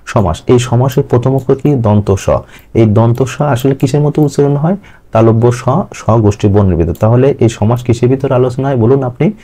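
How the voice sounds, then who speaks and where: A man's voice: medium pitch, normal speed, mellow. A man teaching a grammar lesson, asking his students questions and then answering them himself. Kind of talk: step-by-step lecture.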